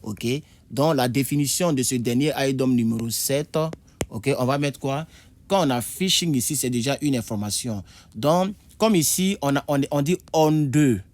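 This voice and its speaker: A man teaching English idioms in a video lesson, repeating words and jumping high to act out phrases. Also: normal speed, darkish tone. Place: indoor room with a board.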